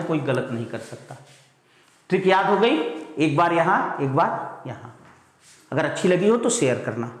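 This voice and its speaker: A male teacher giving an exam-prep grammar lesson, calling students "beta" and repeating key words slowly. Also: high-pitched, a bit bright. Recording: echoey hall.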